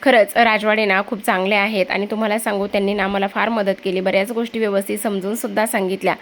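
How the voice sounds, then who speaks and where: A woman's voice: mid-range voice, flat delivery, fast, close to an everyday voice. A woman voicing a devoted, dutiful young married daughter who speaks earnestly and with care. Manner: earnest and caring.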